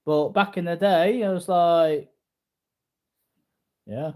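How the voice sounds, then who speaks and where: Speaking off the cuff, a martial arts vlogger in his early forties addresses viewers in a slightly high, mellow voice with a steady tone and slow pace. He's casual and boastful, circling back to repeat his phrases.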